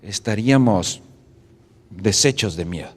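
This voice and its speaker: A man's voice: fairly low pitch, expressive, unhurried, husky. A male pastor preaching a dramatic sermon in a church, acting out scenes and asking the audience questions. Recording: echoey church hall.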